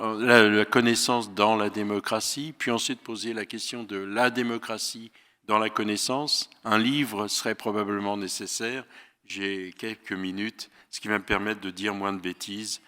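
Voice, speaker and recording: An older man gives a talk in an auditorium, his low but bright voice ringing through a long reverberation. He hesitates often and searches for his words, with a touch of dry irony. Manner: thoughtful, hesitant with frequent fillers, wry humor. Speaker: guest lecturer. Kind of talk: public lecture, paraphrased from notes.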